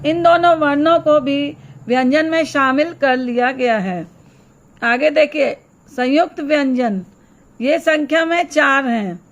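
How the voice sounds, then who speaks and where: A woman teaching a primary school lesson, explaining slowly and answering her own questions as she goes. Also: high-pitched, poor audio. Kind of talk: recorded classroom lesson.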